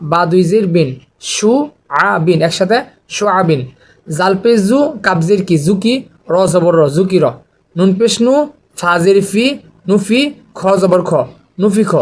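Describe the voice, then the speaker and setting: A man teaching Quran reading, slowly and patiently spelling out Arabic letters and vowel marks. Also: sits high. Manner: slow, patient letter-by-letter drilling with short grammar asides.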